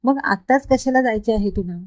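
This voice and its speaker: A woman's voice: fairly high pitch, a little fast, no room sound, lightly acted. Woman voicing a bossy, scolding young woman. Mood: angry. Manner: scolding, sharp, raised voice. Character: young woman office worker, bossy, quick-tempered, caring.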